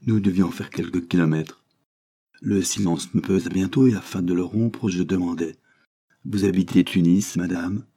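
A man narrating a literary novel as an audiobook in a measured, expressive reading. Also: sits low, creaky.

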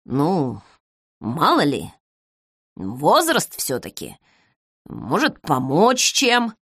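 A woman's voice: low voice, wildly swooping pitch, extremely slow, husky, no echo, studio quality, full character voice. A woman reading the part of an apologetic, hesitant 60-year-old retired male accountant.

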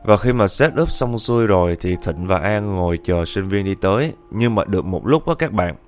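A man's voice: low voice, animated, normal speed, faint music behind. Chatty male ghost story narrator. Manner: chatty, addresses listeners directly.

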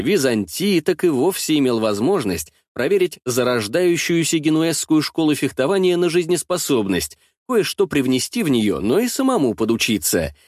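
Lively male audiobook narrator, dry close sound. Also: on the high side, no room sound. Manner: expressive, lively storytelling. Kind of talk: first-person audiobook narration.

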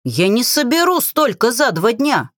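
A woman voicing a shrill, frightened bald trader. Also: huge pitch swings, unhurried, no echo, clean studio sound, full character voice. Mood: indignant. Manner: shouting, shrill and indignant.

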